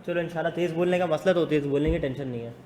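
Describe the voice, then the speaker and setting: A man teaching a business law class in a classroom. He talks fast, teases students and mixes English into his speech. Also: on the high side, dark tone. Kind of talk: classroom lecture. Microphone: not using the class mic. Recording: echoey classroom with long reverb and faint noise.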